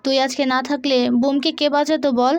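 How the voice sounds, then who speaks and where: A woman's voice: high voice, level tone, fast, natural voice. A woman reading as a sarcastic young husband. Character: sharp-tongued young husband.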